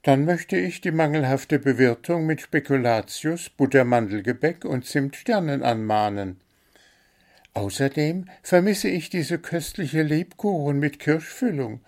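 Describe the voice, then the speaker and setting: Man voicing a cheeky little bird, high and pushy, greedy for sweets, storybook. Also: unhurried, darkish tone. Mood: demanding. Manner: demanding, sweet-toothed, pestering.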